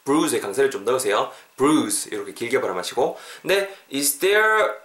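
A man's voice: mid-range voice, sing-song, moderate pace, fairly bright tone, reverberant. A Korean man teaching an English expression on a podcast, drilling phrases for listeners to repeat.

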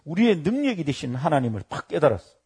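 Middle-aged male pastor, sermon delivery, slightly higher voice with lively, animated storytelling. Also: quick pace, breathy edge.

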